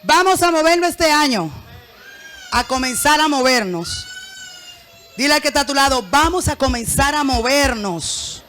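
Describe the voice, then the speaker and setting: A woman pastor preaching a sermon in church, lively and joking, often having the congregation repeat her phrases. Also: high voice, normal speed, slight background noise.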